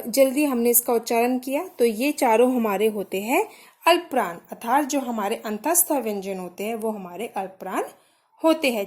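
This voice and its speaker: A young woman with a slightly high voice leads a grammar lesson. She talks slowly and patiently, saying each letter sound on its own so learners can repeat it. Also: darkish tone. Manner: patient, spells out sounds one by one. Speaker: teacher.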